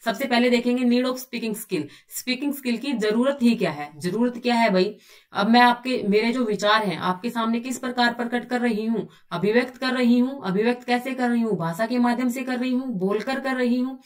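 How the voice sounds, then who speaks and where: A woman teacher works through exam material, posing question after question to her listeners and then answering each one herself. Her voice sits a little high for a woman and comes across as somewhat distant from the microphone. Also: normal speed. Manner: explains by asking and answering her own questions, often says "bhai". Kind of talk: exam-prep lecture.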